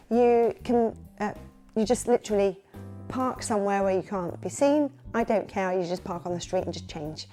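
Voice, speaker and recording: A woman with a London accent talks through practical tips in a candid, chatty way, like a casual advice vlog. Her voice is warm and mellow, and her pitch sits in a middle range. Faint music plays quietly behind her. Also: moderate pace. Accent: London English. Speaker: children's party entertainer.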